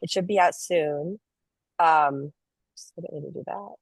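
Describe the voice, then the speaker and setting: A woman's voice: sits low, a little slow, gravelly, husky, dry recording. A woman hosting an online interview and presenting slides, speaking in a friendly, loose way with many ums. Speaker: interview host and advocate.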